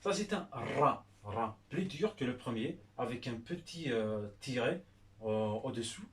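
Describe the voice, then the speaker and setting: A man's voice: mid-range voice, animated, normal speed. A man giving a language lesson, patiently naming and repeating each letter's sound. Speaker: teacher. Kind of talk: slow spoken language lesson.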